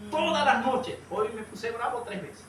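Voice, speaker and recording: Man, preacher, high voice, storytelling sermon, recorded from a distance in a roomy hall. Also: lively intonation, a little slow. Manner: storytelling, addresses listeners as brother, rises to shouts. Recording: echoey room, far from the mic, light noise.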